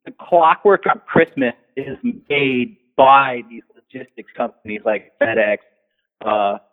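A man telling a rambling, animated work story in casual chat, full of fillers and restarts. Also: mid-range voice, a little slow. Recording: tinny phone-like sound.

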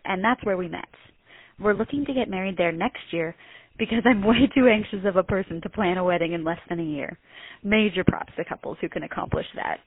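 A woman's voice: mid-range voice, breathy edge, no room sound. A young woman leaving a peppy voicemail message over a phone line, calling in as a municipal clerk. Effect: heard over a phone line, leaving a voicemail. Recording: tinny dry phone line.

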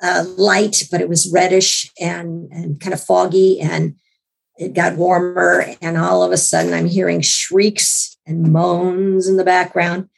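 A hoarse woman with a gravelly voice, recovering from illness, telling a personal story in an interview in a chatty way with many restarts and wry asides. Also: fairly low pitch, little pitch movement, measured pace. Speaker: interview guest.

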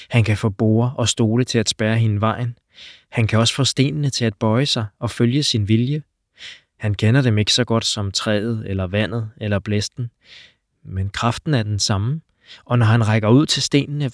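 A man narrating an audiobook with steady, measured storytelling. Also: mid-range voice, no echo, studio quality.

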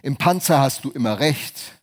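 A man preaching a lively sermon, swinging between hushed and loud voices. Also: mid-range voice, moderate pace.

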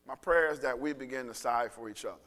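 A man's voice: mid-range voice, fast, a bit bright, long reverb tail. A man preaching a sermon in a conversational style, acting out the voices he quotes, then leading a closing prayer. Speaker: pastor.

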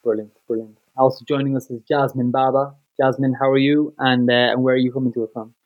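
Male podcast host, medium-pitched. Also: little pitch movement, fast, phone-quality sound. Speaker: show host. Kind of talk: podcast panel hosting.

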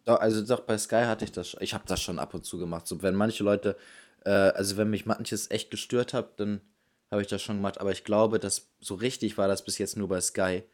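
A man's voice: lowish voice, steady tone, fairly quick. A man co-hosting a podcast, chatting loosely and ranting with many fillers. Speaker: podcast co-host. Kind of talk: casual chat.

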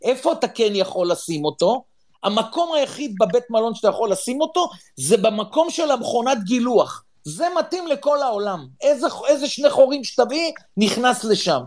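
A middle-aged man from Israel telling a story with drama, often urging his listeners to listen well. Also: very high-pitched. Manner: excitable, dramatic, swears, repeats "listen well". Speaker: podcast panelist. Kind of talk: animated storytelling.

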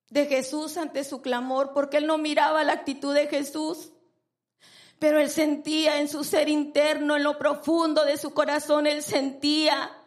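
A woman preacher delivering a sermon, emphatic and repeating phrases for stress. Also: high voice.

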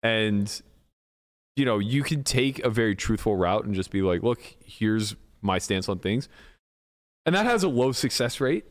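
Animated man rambling in casual chat. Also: on the low side, a little slow. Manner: candid, rambling, trails off with fillers.

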